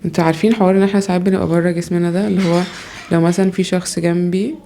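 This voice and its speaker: A woman's voice: fairly low pitch, fairly even intonation, racing, warm tone, slight background noise. A young woman with an Egyptian accent, talking to her podcast listeners at home in a rambling, reflective and self-doubting way. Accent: Egyptian Arabic. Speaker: podcaster, mother. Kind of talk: casual personal monologue.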